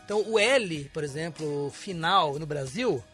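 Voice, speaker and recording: A man's voice: a little high, animated, a little slow, a bit bright, faint music behind. A man, an English teacher, explaining pronunciation as a guest on a radio interview in a studio. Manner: explanatory, demonstrates sounds.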